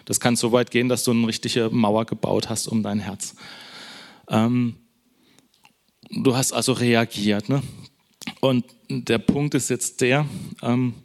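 A man preaching a sermon in a conversational, encouraging way, addressing the listeners directly and tagging many sentences with a quick question. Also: medium pitch, steady tone, gravelly.

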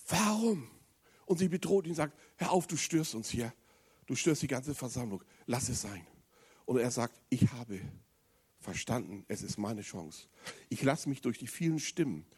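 A man preaching a sermon, speaking straight to the congregation with questions and moving between loud emphatic passages and low, quiet stretches. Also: expressive, moderate pace, husky. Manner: addresses the congregation directly with questions.

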